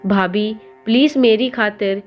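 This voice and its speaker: A woman's voice: medium pitch, unhurried, soft background music, natural voice. A woman voicing a teenage schoolboy who pleads with his sister-in-law in a choked, sobbing voice, in a storybook reading. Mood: pleading.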